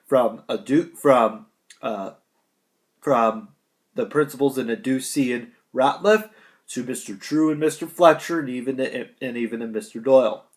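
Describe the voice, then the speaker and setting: A young American man with a mid-range voice, a high school graduate, delivers a prepared commencement speech at a moderate pace. His manner is earnest and declamatory, built on emphatic short phrases.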